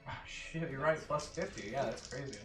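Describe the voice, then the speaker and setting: A man narrating a tabletop game as game master in a casual, lively way. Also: medium pitch, moderate pace. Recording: echoey room, far from mic, music behind.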